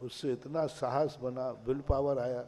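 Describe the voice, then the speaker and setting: A man's voice: mid-range voice, steady tone, unhurried, mellow. A man, a Jain monk, giving a sermon, telling a personal story with rhetorical questions and playing out a dialogue with his own mind. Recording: long hall reverb.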